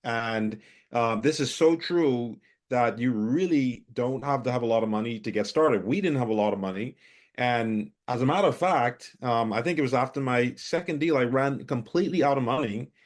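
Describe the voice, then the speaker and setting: A man's voice: mid-range voice, normal speed. A man from the Bahamas, giving a casual testimonial over a video call, hesitant and full of fillers. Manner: hesitant, many fillers and restarts. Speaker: coaching student giving a testimonial.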